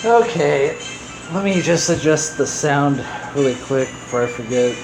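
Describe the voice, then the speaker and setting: This gaming video host sounds a little high and animated, keeping a measured pace despite poor audio. Game music plays as he casually comments on the gameplay in an offhand, somewhat apologetic way.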